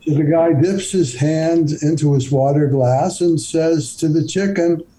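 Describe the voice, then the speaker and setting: Slow, mellow-voiced male storyteller. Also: on the high side, a little hiss or hum, low-quality recording. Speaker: guest. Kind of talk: joke telling.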